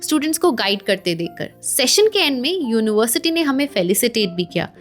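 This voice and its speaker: High-voiced Indian woman narrating a vlog. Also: very animated, brisk, faint music behind. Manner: warm, proud storytelling mixing Hindi and English. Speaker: vlogger.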